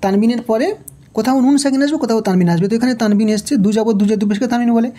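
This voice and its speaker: Woman, Quran reading teacher, patient and repetitive, warm dark tone. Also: fairly high pitch, racing. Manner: patient, repeats each syllable and asks the learner questions. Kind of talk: slow spelled-out recitation lesson.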